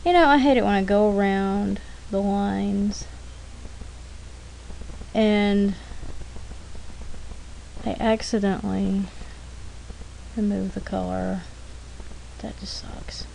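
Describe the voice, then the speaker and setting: An artist narrates her drawing demo slowly, with vocal fry, a medium pitch and long pauses, chatting casually and self-deprecatingly as she thinks aloud and rambles. Steady background noise sits under the rough recording.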